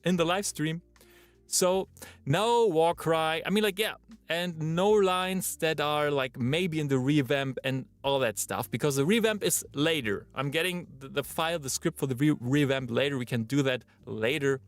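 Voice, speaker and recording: A male voice actor, chatting and thinking out loud during a live-streamed recording session in his booth. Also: on the high side, moderate pace, soft background music. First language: German. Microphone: booth microphone.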